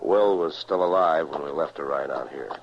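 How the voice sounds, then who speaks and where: An actor playing a firm, steady frontier marshal in a radio western, grave and plain-spoken, with an American accent. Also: male voice, rumbling low, moderate pace. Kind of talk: old-time radio western acting. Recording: muffled, noisy vintage radio recording.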